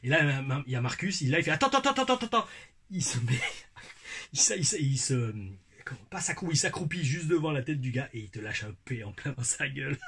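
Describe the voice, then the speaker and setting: Husky, forceful young French vlogger. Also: male voice, medium pitch, brisk. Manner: slangy, rambling, many restarts. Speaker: wrestling show reviewer. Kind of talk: casual vlog chat and storytelling.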